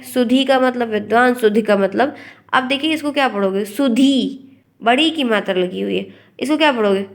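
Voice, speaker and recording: Hindi woman teacher drilling pronunciation. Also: a little high. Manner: explains and repeats words to stress correct pronunciation. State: unwell. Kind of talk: online exam-prep lesson.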